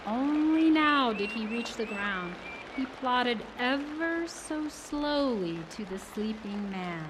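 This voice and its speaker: A woman narrating a read-aloud storybook in a measured storytelling manner. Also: on the high side, lively intonation, background noise.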